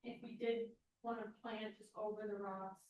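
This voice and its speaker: A woman in the audience asking a question in a hesitant, halting way. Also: mid-range voice, level tone. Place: meeting hall. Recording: distant, muffled, echoey hall.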